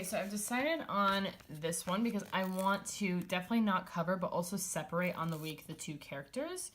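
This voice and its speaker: A young woman with a slightly low voice chats casually while she works on a planner, thinking aloud as she goes. She rambles with plenty of likes and ums. Faint clicks of crafting sit quietly behind her. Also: a little hiss or hum. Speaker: planner vlogger.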